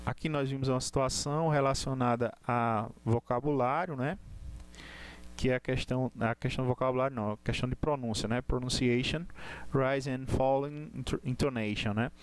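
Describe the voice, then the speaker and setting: A man's voice: medium pitch, steady tone, smooth. Man teaching English, many "né?". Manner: explains slowly, lots of tag questions and restarts. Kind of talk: live online class.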